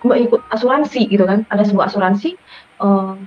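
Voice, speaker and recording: A woman's voice: medium pitch, fast talker, a little mellow. A middle-aged woman with a Madurese accent gives an emotional personal testimony and keeps calling her listeners "Saudara". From Madura, Indonesia. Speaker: testimony giver. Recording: dull lo-fi audio with faint music.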